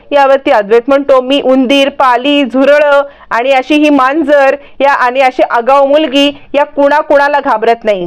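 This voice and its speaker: A woman narrating a recap of a television serial, reading every character's lines in her own voice. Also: high voice. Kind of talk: storytelling recap with voiced quotes.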